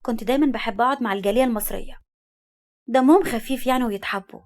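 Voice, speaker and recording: Polite, composed young Egyptian-speaking bride, read by a woman storyteller, quick. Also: fairly high pitch, a little mellow, lightly acted.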